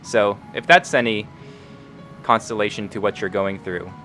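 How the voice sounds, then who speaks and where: A man's voice: fairly low pitch, normal speed, over music, close to an everyday voice. Man voicing an awkward, hesitant little metal man. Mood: awkward concern. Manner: hesitant, apologetic.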